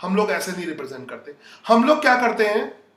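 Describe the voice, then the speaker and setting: A man's voice: high voice, sing-song, brisk, a bit bright, roomy sound, recorded from a distance. A man teaching a physics lesson live. He talks to his students casually and breaks off to read their comments. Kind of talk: live online lecture.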